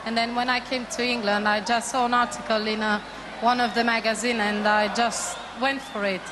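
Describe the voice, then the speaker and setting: A woman's voice: on the high side, flat delivery, moderate pace, noisy background. A woman from Romania, a game show contestant giving plain, confident interview answers with some hesitation. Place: large indoor arena.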